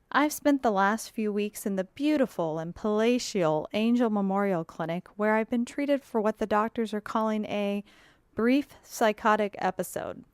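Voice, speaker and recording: A woman's voice: medium pitch, clean tone, no echo, studio quality, lightly acted. A woman narrating an audiobook as a sarcastic, chatty young woman film archivist with a wry, resentful streak. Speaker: audiobook narrator voicing a blogger. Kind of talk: audiobook reading.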